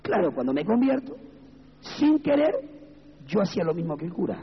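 Argentine preacher guy, fairly high voice, folksy, yells out in bursts, dull echoey church recording. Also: normal speed, breathy edge. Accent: Argentine Spanish. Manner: lively, folksy, breaks into high shouted bursts. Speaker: evangelical preacher. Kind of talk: sermon.

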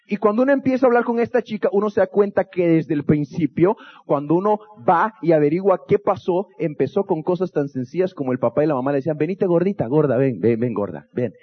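Male youth pastor, high voice, jokey storyteller, muffled lo-fi sound. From Guatemala. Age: adult, married. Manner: storytelling, acting out quotes with humor. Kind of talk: motivational talk to an audience.

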